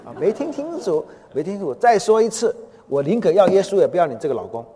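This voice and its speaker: A man voicing a stubborn, indignant middle-aged wife who protests rapidly, heard in a reverberant hall. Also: sits high, very animated, warm tone, husky, voice pushed up, heavily acted. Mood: defiant.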